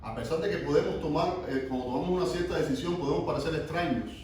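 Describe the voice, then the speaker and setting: This Cuban youth pastor speaks quickly in a darkish, somewhat high voice while teaching a sermon, questioning his listeners and often restarting phrases. The mic sits far off in an echoey room, with slight background noise.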